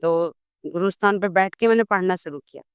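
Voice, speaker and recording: A woman guest in a casual interview, telling a personal story in a lively way and acting out the dialogue. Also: on the low side, fairly quick, smooth, no room sound, clean studio sound. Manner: animated storytelling, acts out dialogue. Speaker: guest devotee.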